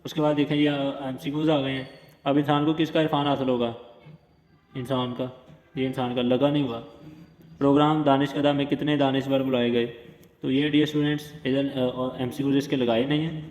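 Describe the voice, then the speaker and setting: A man's voice: medium pitch, little pitch movement, a little mellow, roomy sound, long reverb tail. A man teaches an exam prep lesson, going over questions step by step and repeating points to reassure students.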